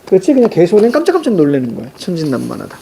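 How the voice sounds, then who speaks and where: A man's voice: fairly high pitch, animated, fairly quick, darkish tone, a little hiss or hum. A middle-aged male teacher explains a story to students, marking up the text and asking rhetorical questions. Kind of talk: literature lecture.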